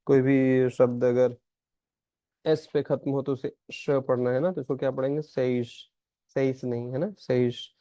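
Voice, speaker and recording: A man giving a recorded language lesson, explaining in Hindi and reading out Portuguese examples slowly. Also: mid-range voice, steady tone, warm tone, no echo. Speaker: language teacher. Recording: dry, slightly dull lo-fi sound.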